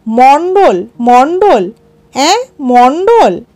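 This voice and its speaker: A woman reading a story aloud voices a drunk, sneering village gentleman with slurred speech. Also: sits high, sing-song, very slow, heavily acted. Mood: mocking laughter. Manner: mocking, taunting.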